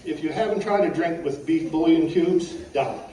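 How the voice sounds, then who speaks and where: His pitch sits on the high side and his speed is normal as this middle-aged or older eulogist reads from notes. Wry and folksy, he spins humorous anecdotes, frequently clearing his throat. The recording is roomy and distant, from an echoey funeral service with faint background noise.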